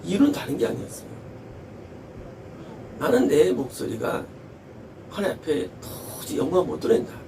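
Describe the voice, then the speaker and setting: A man preaches with a high, animated voice that swings widely and has a gravelly edge. He presses his points hard, repeats phrases and asks rhetorical questions. He sounds set back from the mic, with faint noise behind him. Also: normal speed, pauses often, far from the mic, low-quality recording. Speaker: pastor. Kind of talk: sermon.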